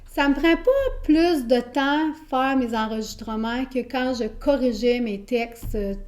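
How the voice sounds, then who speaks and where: A woman's voice: high-pitched, expressive, a little slow, darkish tone. A woman teacher with a Québécois accent, explaining her teaching method in an interview, patient and explanatory with frequent hesitations. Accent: Québécois French. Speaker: elementary school teacher.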